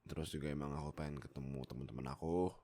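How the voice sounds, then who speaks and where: This young Indonesian YouTube creator and voice actor chats to viewers in a casual, rambling way on a close desktop microphone. He's playful, cracking jokey asides, pausing hesitantly and cutting himself off, and his very deep voice is mellow with a steady tone.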